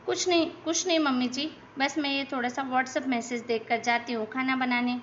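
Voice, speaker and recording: A woman's voice: high-pitched, fairly even intonation, normal speed, a bit bright, lo-fi sound, slight background noise. A woman voicing a chatty young daughter-in-law in a cartoon, complaining about her in-laws. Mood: defensive. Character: gossipy young daughter-in-law, lazy and talkative. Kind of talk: cartoon voice acting.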